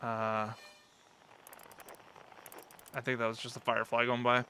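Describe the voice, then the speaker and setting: A man's voice: mid-range voice, monotone, unhurried, sharp tone, a little hiss or hum. A man casually commenting as he plays a video game for the first time, curious and thinking aloud. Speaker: gaming channel host. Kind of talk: casual let's-play commentary.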